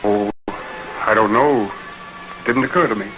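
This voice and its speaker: A man's voice: fairly low pitch, slow pace, low-quality recording. A man playing an earnest, tormented lover in an early talkie film melodrama, speaking in a clipped, restrained way. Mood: guarded. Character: earnest, tormented man in love, about to leave. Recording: 1920s film soundtrack with loud music.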